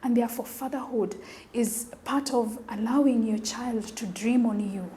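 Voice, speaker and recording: A woman, a mental health practitioner giving an earnest, reflective talk on fatherhood, often trailing off into a soft near-whisper. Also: on the high side, fairly even intonation, moderate pace, slight background noise.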